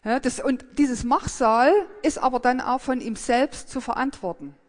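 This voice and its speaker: A woman's voice: high voice, fairly even intonation, normal speed, big-room sound. A woman giving a sermon, thinking aloud in a hesitant, reflective way with frequent fillers and restarts.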